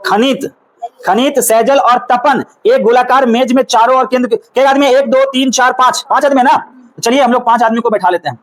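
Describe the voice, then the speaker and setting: A man's voice: very high-pitched, a little fast, rough recording. A man with a Bihari Hindi accent teaching a class. He keeps asking the room questions and repeating the puzzle step by step in a coaxing, patient way. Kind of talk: classroom reasoning lesson.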